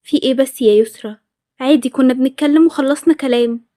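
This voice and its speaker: A woman with an Egyptian accent voicing a patient parent who calmly soothes a suspicious daughter. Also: high voice, fast, no room sound, studio quality, close to an everyday voice. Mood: soothing. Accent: Egyptian Arabic. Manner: soothing, placating.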